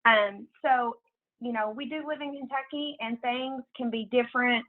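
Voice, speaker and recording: Over a tinny telephone conference call, an American woman with a fairly high voice makes informal announcements as a program coordinator. She speaks casually and haltingly.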